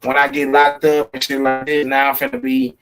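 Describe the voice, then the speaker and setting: A man talking casually as a podcast host, lecturing in animated street slang over a patchy call. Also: mid-range voice, brisk, clear, resonant tone, faint music behind, rough recording. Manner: animated, preachy street talk. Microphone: remote call with connection breaking up.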